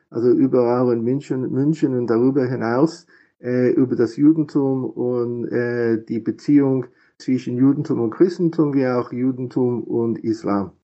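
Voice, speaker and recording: A middle-aged rabbi from Philadelphia, a native English speaker with an American accent, is a guest answering interview questions. His medium-pitched voice is mellow, with the highs cut off, and he speaks hesitantly, full of fillers and restarts.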